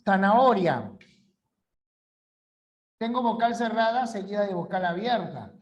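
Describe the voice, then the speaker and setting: A man's voice: sits high, expressive, unhurried. A male language teacher giving an online class lecture, repeating key rules and checking understanding with short questions.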